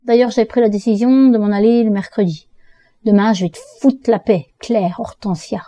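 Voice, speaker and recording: A woman's voice: medium pitch, steady tone, moderate pace, warm tone, dry recording, muffled recording, close to an everyday voice. A woman reading the lines of a touchy, tipsy older brother in an audiobook, curt and mocking. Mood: defiant.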